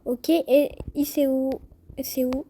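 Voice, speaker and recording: A young woman giving chatty, excitable gameplay commentary and talking straight to her viewers. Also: high voice, slow pace. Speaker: gaming youtuber.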